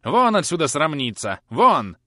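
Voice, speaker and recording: A man reading an audiobook aloud, voicing a vindictive, croaking old woman housekeeper who screeches her spite. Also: on the high side, very animated, a little fast, fairly bright tone, no room sound, pitched above the performer's own voice. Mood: screeching. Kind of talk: audiobook character voice.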